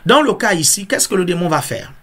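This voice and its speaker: Husky-voiced pastor preaching a sermon. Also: male voice, high voice, sing-song, fairly quick, pushed and bright. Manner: teaching, repeats key phrases, asks if listeners understand.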